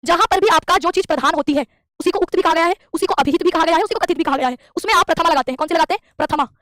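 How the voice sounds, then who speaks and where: A woman delivers an exam-prep grammar lecture in a very high voice at a racing pace. She explains step by step and keeps asking and answering her own questions. The sound is dry and close-miked. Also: racing, fairly bright tone, no room sound. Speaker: Sanskrit grammar teacher. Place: classroom with a board.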